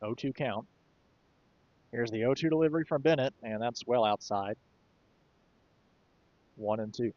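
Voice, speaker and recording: A man doing relaxed, conversational play-by-play commentary for a baseball game, with occasional fillers. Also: mid-range voice, measured pace, long pauses, no room sound, muffled recording. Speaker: play-by-play announcer.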